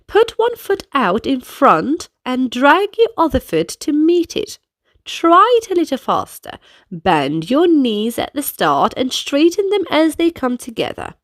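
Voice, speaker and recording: Here a woman reads a kids' storybook aloud while teaching young listeners some dance steps. Her voice is high-pitched, and she speaks in an instructive, clearly paced way, with studio-quality sound and no echo.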